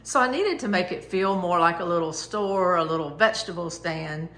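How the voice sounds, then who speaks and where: A woman's voice: fairly low pitch, expressive, moderate pace, a bit bright, echoey room. A woman giving a casual, chatty tour in a homey way, with proud, happy enthusiasm. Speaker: vlogger showing her farm store. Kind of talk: casual home tour narration.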